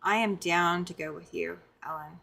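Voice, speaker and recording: A woman hosting a relaxed late-night livestream, chatting casually, greeting viewers by name and laughing often. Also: fairly low pitch, moderate pace, vocal fry, a little hiss or hum. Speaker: livestream host.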